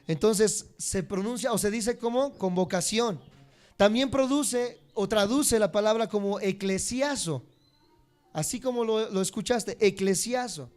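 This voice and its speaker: High-voiced preacher teaching a congregation. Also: male voice, a little slow, darkish tone. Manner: addresses the congregation directly, repeats key words for note-taking; swings between emphatic high peaks and dropped low endings. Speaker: Bible teacher. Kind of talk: church teaching sermon.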